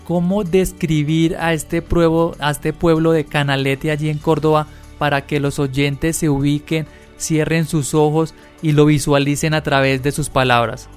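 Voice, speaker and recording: Man with a high, flat voice hosting radio. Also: a little slow, few pauses. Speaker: radio program host. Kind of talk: radio interview questions. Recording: muffled radio audio, faint music behind.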